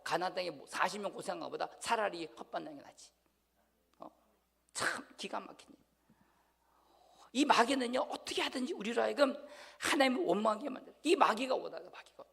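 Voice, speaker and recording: A pastor preaches a sermon in a church sanctuary, his high, gravelly voice full of fry and sounding pushed and bright. He swings from ringing exhortation to near-whispered asides and keeps questioning the congregation, all under a long hall reverb.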